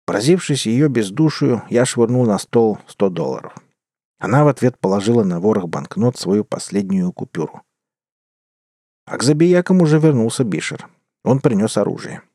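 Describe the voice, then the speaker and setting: A man narrating a story in a measured, wry manner as an audiobook. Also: on the low side, expressive, warm tone, no room sound, studio quality.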